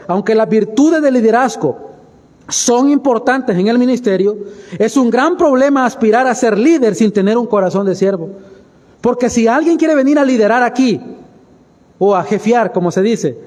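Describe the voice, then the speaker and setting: Male pastor, Salvadoran accent, high voice, chatty sermon style, reverberant church recording. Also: darkish tone. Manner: conversational preaching, keeps addressing listeners as brother, rhetorical questions. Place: church sanctuary. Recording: long church-hall reverb.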